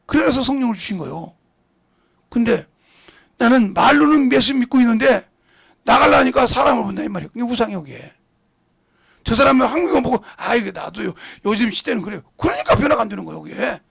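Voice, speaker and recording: Pastor, male. Raspy, husky voice, fairly high; blunt, scolding sermon delivery. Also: lively intonation, brisk, pauses often. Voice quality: gravelly, husky voice. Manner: blunt, scolding, with acted-out quotes and big swings in loudness. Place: church sanctuary.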